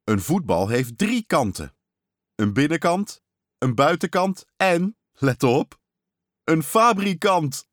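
A man's voice: mid-range voice, huge pitch swings, normal speed, dry recording, clean studio sound, voice pushed up. A man voicing a playful father in a storybook, delivering his jokes with teasing, theatrical punchlines. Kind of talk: storybook character voice.

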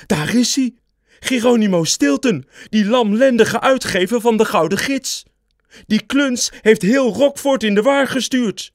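A man voicing a skinny, angry mouse in a mob, jeering loudly in a storybook reading. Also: extremely high pitch, measured pace, no room sound, clean studio sound, pitched above the performer's own voice. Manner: jeering, loud.

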